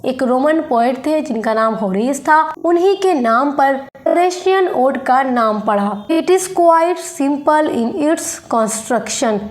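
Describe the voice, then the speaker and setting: A woman teacher going over exam questions, explaining each point in English and then again in Hindi, reading definitions slowly. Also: high-pitched, lively intonation. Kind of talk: exam-prep lesson in Hindi mixed with English.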